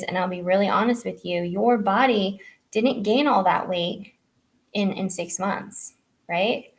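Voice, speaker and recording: A woman's voice: medium pitch, vocal fry. A middle-aged woman health coach giving a casual live online training, talking loosely with many fillers and "right?" tags.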